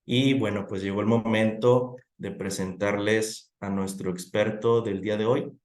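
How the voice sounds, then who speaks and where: A man's voice: fairly low pitch, fairly even intonation, unhurried, a little mellow. A man moderating an online session, announcing the format and then introducing the guest speaker. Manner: friendly, scripted announcements. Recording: roomy echo.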